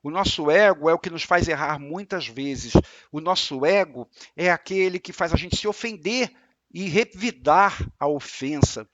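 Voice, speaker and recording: A man with a Brazilian Portuguese accent giving a spiritual lecture, explaining calmly and repeating his points with examples. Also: a little high, normal speed, no room sound, dull audio. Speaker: religious lecturer.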